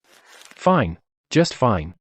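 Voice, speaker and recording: A man's voice: mid-range voice, big pitch swings, very slow, dry recording. A man playing a volatile, imperious emperor in a dubbed period drama, demanding and explosive. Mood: angry, demanding. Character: volatile, imperious male emperor losing his grip.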